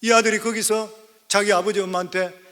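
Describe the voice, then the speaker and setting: A man's voice: high voice, fairly even intonation, brisk, a bit bright. A man in his fifties, a senior pastor, preaching a sermon, telling a story and then urging the congregation emphatically. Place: church sanctuary. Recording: church hall reverb.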